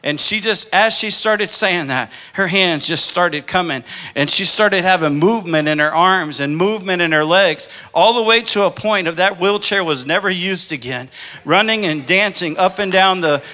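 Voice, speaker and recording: A male pastor preaches with an impassioned, storytelling manner. His voice sits high for a man and sounds bright and forceful. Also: moderate pace. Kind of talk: sermon.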